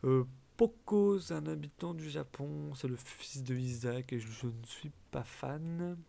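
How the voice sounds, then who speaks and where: A young man chatting casually as a gaming video host, giving blunt quick verdicts with trailing fillers. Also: mid-range voice, creaky, mellow. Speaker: gaming YouTuber. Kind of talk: casual commentary.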